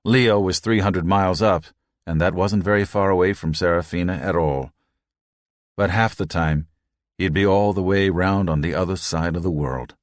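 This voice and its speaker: Deep-voiced man narrating an audiobook. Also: moderate pace, dry recording, studio quality. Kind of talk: scripted narration.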